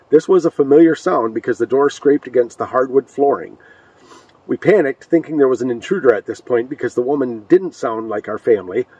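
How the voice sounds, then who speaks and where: A man's voice: mid-range voice, fairly quick, dark tone, slightly rough, highs cut off. A man from Michigan, recorded outdoors on a cold night, chatting and joking with many fillers as he reads ghost stories aloud. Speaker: co-host of a ghost story show. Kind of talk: casual chat and reading ghost stories aloud. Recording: distant mic outdoors.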